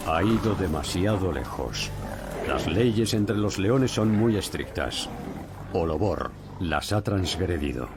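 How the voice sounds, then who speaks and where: A man narrating a nature documentary in a measured, dramatic storytelling manner. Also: low-pitched, lively intonation, heavy background noise. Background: background music.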